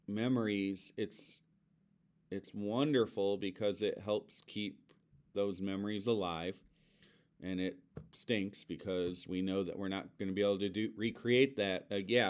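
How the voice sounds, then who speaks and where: A man with a lowish, smooth and resonant voice talks through loss in an earnest, reflective conversation. He speaks gently, as a father sharing what grief has taught him. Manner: earnest, reflective, speaks softly of his son. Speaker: podcast co-host, bereaved father.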